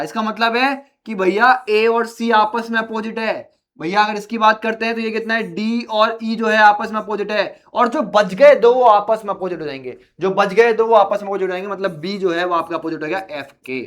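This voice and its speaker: एक पुरुष शिक्षक, कक्षा में परीक्षा की तैयारी के लिए समझाते हुए। वह बातें दोहराता है और छात्रों को बाबूजी, भैया कहकर मनाते हुए पढ़ाता है।. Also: male voice, sits high, fairly bright tone. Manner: repetitive, coaxing, addresses students as babuji and bhaiya. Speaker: reasoning teacher for exam prep. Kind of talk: classroom lecture at a board. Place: classroom.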